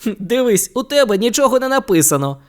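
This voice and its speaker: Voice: mid-range voice, very animated, fast, a little mellow, clear, resonant tone, voice pushed up, natural voice. The audiobook reader voices a teasing wizard brother with a chirpy manner. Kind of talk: audiobook character reading.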